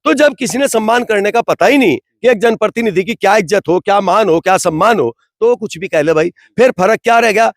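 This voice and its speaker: Brief: fired-up man, high voice, dry sound, rhetorical and indignant. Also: brisk, few pauses, no echo. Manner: rhetorical, indignant, repeats "bhai". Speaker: interviewee from the community. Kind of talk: impassioned street interview.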